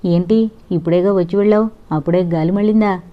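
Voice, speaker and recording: A woman's voice: on the low side, fairly even intonation, fast talker, close to an everyday voice. Woman reading a teasing young college girl. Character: young female college student, playful and teasing. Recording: dull lo-fi recording.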